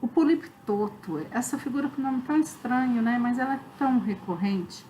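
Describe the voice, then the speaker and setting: A woman's voice: a little high, moderate pace, warm tone, a little hiss or hum, poor audio. Brazilian woman teaching a review class. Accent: Brazilian Portuguese. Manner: explanatory, many fillers like "né?" and "tá?". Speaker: literature teacher. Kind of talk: online review lecture.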